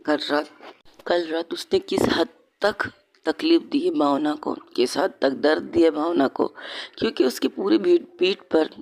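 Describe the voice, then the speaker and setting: A woman's voice: sits low, darkish tone. A woman narrating a romantic audio story in a conversational way, often repeating phrases and correcting herself.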